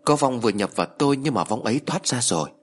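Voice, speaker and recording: A man voicing a tired, curt older male spirit medium who speaks slowly. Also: medium pitch, lively intonation, lightly acted. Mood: weary. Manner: slow, tired, dismissive.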